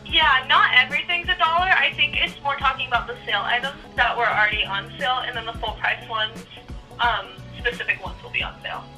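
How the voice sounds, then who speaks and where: A woman's voice: sits high, brisk, sharp tone, faint music behind. A woman working at a store, patiently explaining things over a speakerphone in casual customer service talk. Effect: phone speaker. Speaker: store employee answering phone. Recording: phone call heard through speakerphone.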